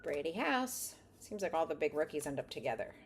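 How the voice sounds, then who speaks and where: A woman's voice: low-pitched, big pitch swings, a little fast, heavy background noise. A woman chatting casually while she sorts and sleeves trading cards, reading off a list of names. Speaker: card collector opening packs. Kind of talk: casual running commentary while sorting cards.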